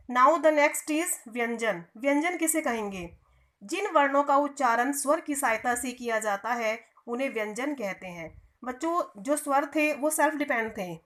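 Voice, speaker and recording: Woman teacher, high voice, explains patiently to young pupils, answers her own questions. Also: a bit bright. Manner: asks questions and answers them herself, addressing the children; stretches out vowel sounds to demonstrate. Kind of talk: online Hindi grammar lesson.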